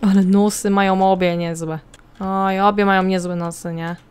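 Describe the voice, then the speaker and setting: Woman, casual gameplay commentary, chatty, talks to viewers and to the characters, mid-pitched voice, faint background hiss. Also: level tone, moderate pace, darkish tone. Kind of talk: casual let's-play commentary.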